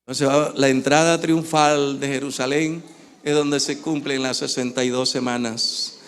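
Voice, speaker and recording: A man with an Ecuadorian Spanish accent preaching a sermon in a church, swinging from shouting to hushed tones. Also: medium pitch, steady tone, a little slow, smooth. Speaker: pastor.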